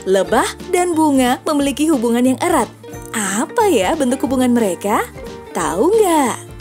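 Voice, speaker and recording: A woman's voice: high voice, a little mellow. A woman narrating an educational cartoon for children, friendly and asking the young audience questions. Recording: music playing behind.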